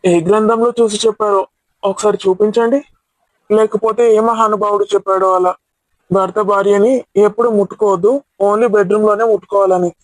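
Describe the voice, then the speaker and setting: A man's voice: high voice, little pitch movement, brisk, no room sound, close to an everyday voice, poor audio. A man playing a playful husband who teases his wife and argues in mock protest. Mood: teasing. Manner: teasing, mock-argumentative. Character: teasing, playful middle-aged husband.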